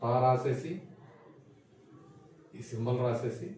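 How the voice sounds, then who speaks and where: A man's voice: mid-range voice, slow pace, a little mellow. A man teaching a Tamil script lesson, explaining each step patiently and asking simple questions as he goes. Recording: echoey room, mic at a distance, faint noise.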